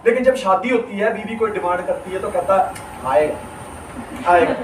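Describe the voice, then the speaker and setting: A high-voiced man delivers a live motivational seminar, spinning humorous stories and acting out the people in them. He sounds distant in a strongly echoing hall, with an audience murmuring and clear background noise throughout. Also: fast. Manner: animated, humorous storytelling, acts out characters. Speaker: motivational speaker. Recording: echoey hall, distant mic, crowd noise.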